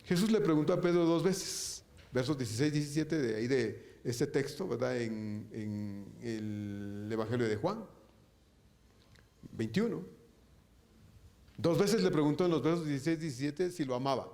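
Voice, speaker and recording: A church pastor with a mid-range, darkish voice and some vocal fry delivers a sermon at a moderate pace. He peppers it with rhetorical and tag questions, speaking to each listener as brother.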